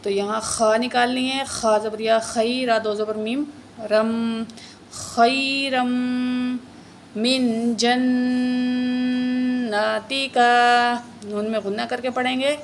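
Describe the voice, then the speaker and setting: A woman teaching a word-by-word tajweed lesson, drawing out each recited word slowly, then spelling letters and vowel marks in quick explanations. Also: on the high side, steady tone, a little hiss or hum.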